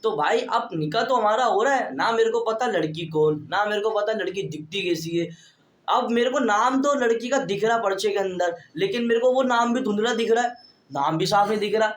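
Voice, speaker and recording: Young male vlogger, chatty to-camera storyteller, slightly high pitch, recorded in a roomy echo. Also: moderate pace. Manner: chatty, keeps addressing viewers as brother; stands talking straight to camera.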